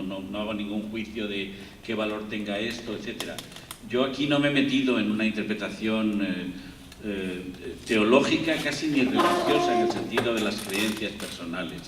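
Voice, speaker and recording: A man from Spain with a Spanish accent speaks in a lowish, slightly bright voice as a guest lecturer in a lecture hall. His university lecture rambles, full of fillers and restarts. The recording sounds distant and echoey, with faint room noise.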